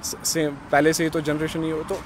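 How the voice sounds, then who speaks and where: A man's voice: on the high side, monotone, moderate pace, noisy background. A man of twenty-one from Kashmir, a young restaurant owner, answering interview questions outdoors in earnest talk mixed with English phrases. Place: outdoors in a village courtyard. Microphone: handheld mic held by the interviewer.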